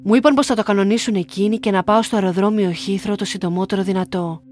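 This is a young woman from Greece reading a personal story in a steady, measured voice. Her pitch sits in the middle range. Quiet music plays faintly underneath. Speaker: narrator. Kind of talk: scripted first-person narration.

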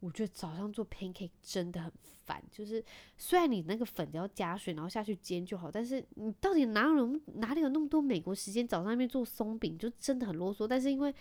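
A woman in her thirties with a Taiwanese Mandarin accent hosts a casual chat, spilling family stories at a brisk clip. Her tone is wry and self-mocking, and she drops English words in here and there. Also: mid-range voice, lively intonation, a little mellow. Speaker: podcast host, mother.

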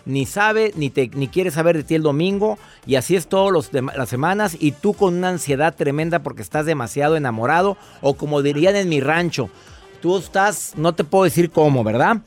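A man's voice: on the high side, lively intonation, a little fast, faint music behind. A man hosting a radio show, giving emphatic, fatherly advice to a caller and interviewing a guest. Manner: warm fatherly advice, emphatic, rhetorical questions.

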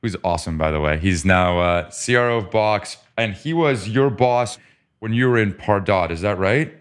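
A man's voice: fairly low pitch, normal speed, clear, resonant tone. A man hosting a business podcast interview, upbeat and joking as he reads out his guest's background. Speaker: podcast host. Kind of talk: casual interview.

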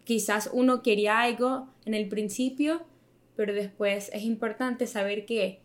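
A woman's voice: a little high, a little slow. A young woman from Miami in casual chat as an interview guest, a premed student who slips English words into her Spanish and leans on fillers. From Miami, United States. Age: young adult.

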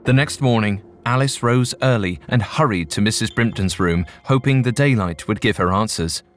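A man narrating a ghost story in a measured, suspenseful storytelling manner. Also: on the low side. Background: faint music.

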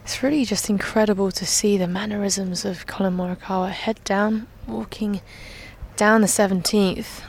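A woman giving live on-course golf commentary, measured and often hushed as play goes on. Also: medium pitch, steady tone, rough recording. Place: outdoors walking a golf course. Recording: outdoor course ambience, clear background noise.

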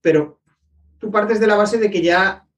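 A man's voice: sits high, unhurried, distant mic. Man asking questions off-mic. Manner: thoughtful, rephrases questions with hesitations. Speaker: podcast host. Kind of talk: conversational interview questions.

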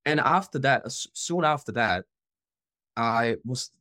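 A medium-pitched, animated man in his 20s from the Czech Republic tells his life story, unhurried, as a podcast guest in a casual interview. His voice sounds pushed and bright, earnest and open with many fillers, in a clean, dry studio recording.

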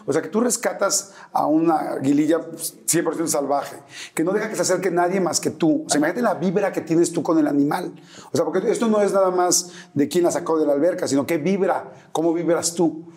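A man hosting a casual interview, eager and quick to react. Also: on the high side, dark tone. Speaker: interview host.

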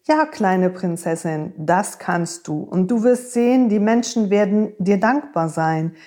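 A woman voicing a wise, gentle horse who speaks tenderly and reassuringly to a young friend. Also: mid-range voice, animated, unhurried, natural voice.

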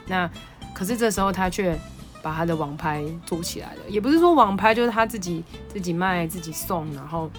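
A woman with a Taiwanese Mandarin accent hosting a podcast, telling a story in an animated, excitable way. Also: fairly low pitch, brisk, soft background music. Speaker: podcast host. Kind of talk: casual storytelling monologue.

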